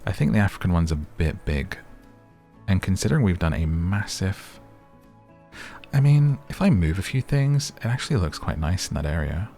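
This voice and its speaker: A man with a hoarse, raspy, strained voice, giving relaxed, rambling game commentary meant for sleep and muttering to himself as he plays. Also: sits low, moderate pace, faint music behind. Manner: chatty, muttering to himself while playing. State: voice going hoarse. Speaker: gaming video creator and podcaster.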